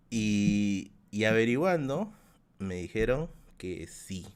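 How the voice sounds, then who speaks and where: A man's voice: fairly low pitch, big pitch swings, slow, clear, resonant tone. A man in his thirties with a Peruvian accent, telling a rambling story to his live chat as a streamer host, repeating phrases and laughing often. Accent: Peruvian Spanish. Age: 30s.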